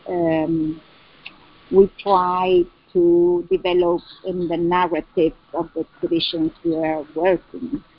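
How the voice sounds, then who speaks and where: A woman with a Chilean Spanish accent in an interview, speaking English haltingly as she translates in her head and searches for words. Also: medium pitch. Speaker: curator and cultural center representative. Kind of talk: interview answer about exhibitions. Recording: dull lo-fi sound.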